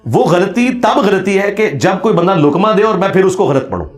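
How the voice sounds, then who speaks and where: A man giving an impassioned religious lecture, forceful and challenging, reciting Arabic phrases slowly. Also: high voice, lively intonation, echoey room, soft background music. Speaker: religious speaker.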